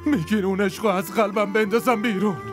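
A man's voice: sits high, steady tone, natural voice. A man voicing a drunk, heartbroken young man. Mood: bitter. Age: young adult. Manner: slurred, bitter, slow. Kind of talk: Persian dub of a TV drama. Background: music with violin.

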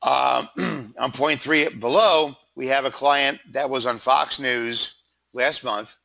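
A man with a froggy voice giving a conversational slide presentation as a sales pitch, informally stressing items in lists. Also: slow pace, sharp tone. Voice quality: froggy, throat-clearing voice. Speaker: PR company presenter.

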